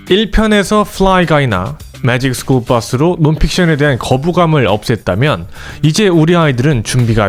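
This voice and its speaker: A man hosting an education channel, giving a scripted, animated explainer aimed directly at parents. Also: medium pitch. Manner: lively, animated delivery addressing parents directly.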